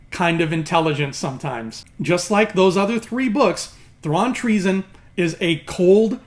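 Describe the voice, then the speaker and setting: A man hosting an opinionated video review in an emphatic, sarcastic, exasperated way, his words slightly mumbled as if he had marbles in his mouth. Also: sits high. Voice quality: slightly slurred, marbles-in-mouth articulation from a swollen mouth. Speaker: YouTube host reviewing books.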